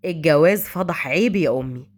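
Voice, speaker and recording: A woman's voice: deep voice, animated, brisk, a little mellow, voice pushed down. A woman putting on a cold, mocking Egyptian cop. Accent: Egyptian Arabic. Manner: cold and taunting. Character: cold, mocking man, a stern police officer.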